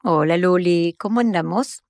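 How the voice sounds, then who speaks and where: Low-voiced Rioplatense woman, reflective. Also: moderate pace, a little mellow, no room sound, soft background music. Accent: Rioplatense Spanish. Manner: digressive and reflective, explains at length with many fillers. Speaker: podcast co-host. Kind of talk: casual podcast chat.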